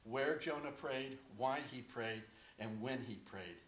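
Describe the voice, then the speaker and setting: A middle-aged man preaching a sermon from a church podium, relaxed and joking, with frequent "uh" fillers. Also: mid-range voice, unhurried, a little hiss or hum. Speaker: pastor. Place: small wood-paneled church sanctuary, indoors. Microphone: podium microphone. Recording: roomy church echo.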